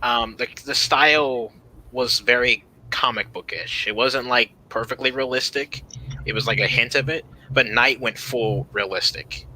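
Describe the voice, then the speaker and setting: A man's voice: medium pitch, measured pace, sharp tone, slight background noise, low-quality recording. A man hosting a casual gaming podcast, rambling and restarting as he plays. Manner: rambling, restarts, laughs at himself. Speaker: podcast host playing the game. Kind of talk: casual chat while gaming.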